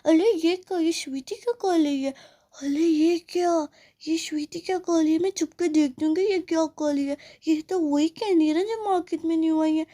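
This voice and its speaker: A woman's voice: very high voice, moderate pace, dark tone. A woman voicing a sneaky tattletale girl doll who schemes and talks asides to herself, in a doll play story.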